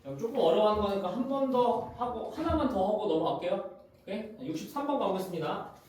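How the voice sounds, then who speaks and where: High-voiced male math teacher in echoey classroom. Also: expressive, darkish tone. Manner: constantly checks students' understanding, brisk and informal. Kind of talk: classroom lecture. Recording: very echoey room, far from the mic, faint noise.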